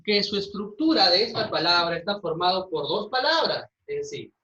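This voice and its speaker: A man's voice: high voice, expressive, normal speed, bright, forceful tone, highs cut off. A male teacher giving a grammar lesson, explaining step by step and often checking with his students. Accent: Peruvian Spanish.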